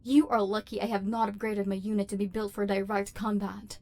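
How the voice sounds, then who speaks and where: Brisk and level, with a medium-pitched, darkish natural voice, a woman performs a dramatic villain monologue for an ASMR roleplay. She plays an imperious robot overlord who despises humans and is secretly lonely, speaking in formal, machine-like phrases that sound haughty and threatening.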